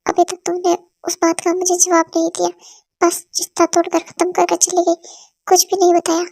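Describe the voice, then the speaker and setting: A woman voicing a curt young husband, high and flat. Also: normal speed, gravelly, no room sound, clean studio sound. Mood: reproachful. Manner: curt, clipped commands and retorts. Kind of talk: amateur fan-dub drama reading.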